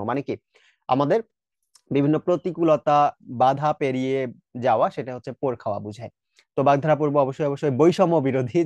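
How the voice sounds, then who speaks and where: Bangladeshi bengali guy teaching exam prep, talks fast, dry close sound, keeps asking "right?". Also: fairly high pitch, darkish tone, no echo. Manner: explanatory, asks rhetorical checks; mixes English words into speech.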